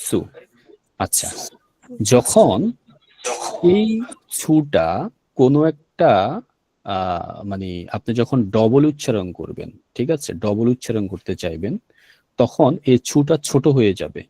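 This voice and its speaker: A man's voice: on the low side, sing-song, unhurried, long pauses, dark tone, no echo. A man teaching a language class, patiently repeating words and checking that students follow. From Bangladesh. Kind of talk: classroom lesson explaining vocabulary.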